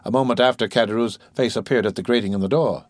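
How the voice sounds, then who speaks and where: A man reading a classic novel aloud as an audiobook narrator, in a steady, measured way, close to the mic. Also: lowish voice, dry recording. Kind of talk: scripted narration.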